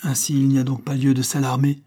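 A man's voice: medium pitch, completely flat delivery, fast, mellow, pitched above the performer's own voice, close to an everyday voice. A man reading aloud, voicing a devoted husband who questions his wife in an earnest, pleading way. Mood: anxious, pleading.

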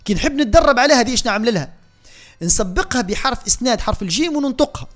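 A man with a Tunisian Arabic accent gives a radio lesson on Quran recitation in a high voice. He explains each rule in plain talk, then stretches the verses out slowly and repeats single sounds for his listeners. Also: animated, a bit bright. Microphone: radio studio mic.

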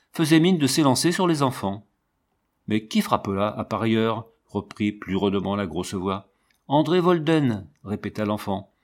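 A man narrating a classic children's novel as an audiobook, in a steady, measured storytelling manner. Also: medium pitch.

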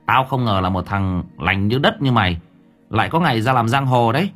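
A man's voice: mid-range voice, lively intonation, a little fast, fairly bright tone, faint music behind. A man voicing a brash, jovial gang member who teases his friend. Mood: teasing. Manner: teasing, familiar.

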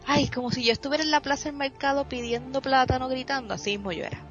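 A woman in her thirties from Puerto Rico with a Puerto Rican Spanish accent, a streamer telling her life story as an interview guest, lively and mixing in English words. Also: sits high, fast talker. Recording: dull lo-fi sound with faint music.

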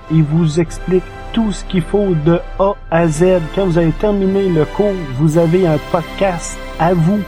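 Reading from his notes, a Quebec French-accented man delivers an informal, enthusiastic podcast review while music plays in the background. His voice is fairly high and mellow.

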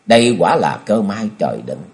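A man voicing an earnest young swordsman hero who speaks low and firm. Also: very animated, moderate pace, creaky, a little mellow. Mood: resolute.

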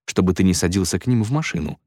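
Male reader voicing a wry deadpan dad in an audiobook, low and dry. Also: quick pace, no room sound. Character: dry-witted middle-aged father, deadpan and wry.

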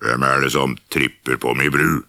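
Storybook villain: big ugly troll, acted by a man, deep and creaky, bellowing threats. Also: steady tone, pushed and bright, no room sound, clean studio sound, heavily acted. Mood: menacing. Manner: shrieking, threatening. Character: big ugly menacing troll under a bridge.

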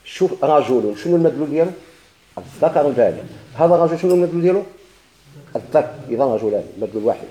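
A man's voice: on the high side, lively intonation, racing, mellow, echoey room, rough recording. A man with a Moroccan Arabic accent teaching a grammar lesson, asking questions and answering them himself with repeated examples.

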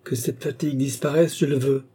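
A man's voice: medium pitch, fairly even intonation, brisk, dark tone, breathy edge, pitched above the performer's own voice, lightly acted. A man voicing an imperious mesmerist count who gives insistent commands. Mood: commanding.

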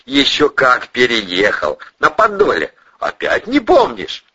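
A man's voice: medium pitch, huge pitch swings, a little slow, husky, dry recording, pitched above the performer's own voice, full character voice. Man playing a sly, menacing police colonel. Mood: mocking. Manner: mocking, coaxing, drops to a threatening hush. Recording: dull dry lo-fi audio.

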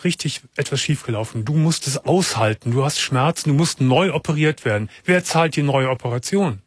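A man hosting a call-in radio show, asking calm, probing questions and summing up what his caller says. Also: mid-range voice, fairly quick, slightly rough, no room sound, studio quality. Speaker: radio talk show host. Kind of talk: late-night call-in radio.

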